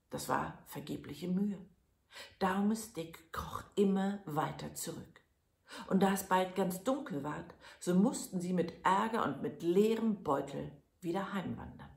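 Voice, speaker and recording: A woman reading a fairy tale aloud as a storyteller, in a calm, measured manner. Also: lowish voice, creaky. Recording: echoey room.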